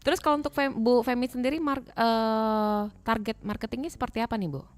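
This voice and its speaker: A woman's voice: a little high, steady tone, fairly quick, dry recording, faint music behind. A young woman hosting a casual radio talk show interview, chatty, often tagging her questions and murmuring agreement. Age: young adult. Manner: chatty, frequent tag questions and affirming murmurs. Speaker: radio host.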